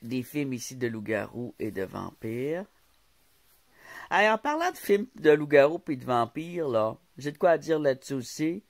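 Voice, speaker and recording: A man's voice: medium pitch, sing-song, measured pace. A man with a Québécois French accent, telling rambling stories in a casual vlog, laughing often and stumbling on some words. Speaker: vlogger.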